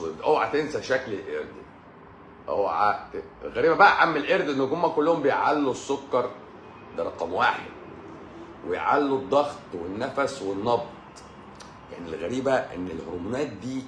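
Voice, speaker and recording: A man with an Egyptian accent, a doctor giving an informal live-stream health talk, emphatic and repetitive and addressing the listener directly. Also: sits low. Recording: roomy echo, faint background noise.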